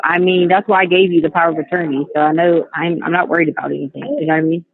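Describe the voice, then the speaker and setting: A woman's voice: lowish voice, fairly even intonation, racing. A woman chatting casually and colloquially over a prison phone, as an inmate on a personal call. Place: jail phone. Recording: tinny band-limited prison phone line.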